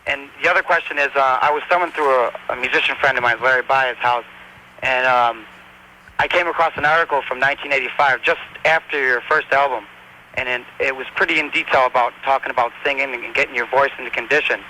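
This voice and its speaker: Bright, fast-talking male caller. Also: medium pitch, slight background noise, poor audio. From Barbados. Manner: chatty, rambling question. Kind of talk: call-in radio question.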